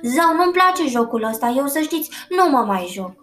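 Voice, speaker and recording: A woman's voice: sits high, big pitch swings, fairly bright tone. A woman voicing a fussy, indignant pet fish who scolds and complains, in an echoey room with faint guitar music.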